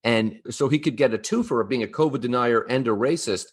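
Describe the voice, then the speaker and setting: A man on a discussion panel, telling an anecdote in an animated way. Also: mid-range voice, brisk, slightly rough. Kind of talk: storytelling in discussion.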